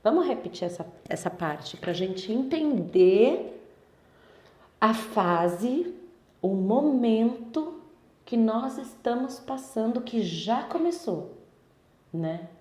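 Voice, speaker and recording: A woman's voice: a little high, lively intonation, slow, dark tone, reverberant. A woman with a Brazilian Portuguese accent leading a Spiritist study group in a chatty way, often turning to her listeners for agreement. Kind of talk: informal religious study talk.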